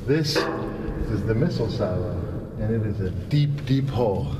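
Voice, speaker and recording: A man's voice: expressive, unhurried, distant mic, background noise. A man reporting on location inside an underground missile silo, his voice carrying a metallic flutter echo. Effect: metallic flutter echo from a deep steel missile silo.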